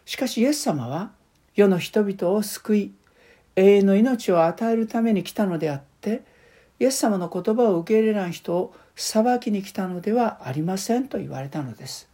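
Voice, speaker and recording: Calm, mellow-voiced woman preaching. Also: mid-range voice. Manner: calm, measured preaching with personal testimony. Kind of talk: sermon.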